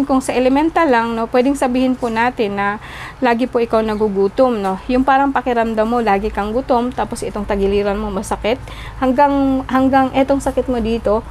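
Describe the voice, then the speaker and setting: A woman's voice: on the high side, a little mellow, slight background noise. A woman giving a tarot reading straight to the viewer, courteous and chatty, mixing English phrases into her talk and ending almost every sentence with a questioning "no?". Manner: polite, tags nearly every sentence with a questioning "no?". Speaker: tarot reader.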